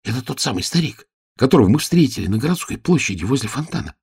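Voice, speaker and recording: A man's voice: mid-range voice, big pitch swings, quick pace, darkish tone, husky, dry recording, clean studio sound, pitched above the performer's own voice, heavily acted. A man voicing a timid, mischievous young girl disguised as a page, in a storybook reading. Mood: eager.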